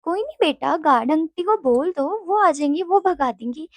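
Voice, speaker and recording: A young woman doing a doting, middle-aged dad with a soft, patient delivery that stays high in her own register. The sound is dry, with almost no room. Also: expressive, moderate pace, dry recording. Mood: soothing.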